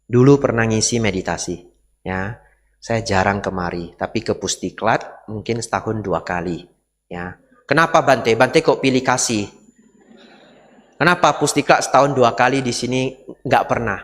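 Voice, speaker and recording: A man's voice: medium pitch, moderate pace, pauses often, fairly bright tone. A man, a Buddhist monk, giving a dharma talk in a conversational way and often asking the audience rhetorical questions. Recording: reverberant hall.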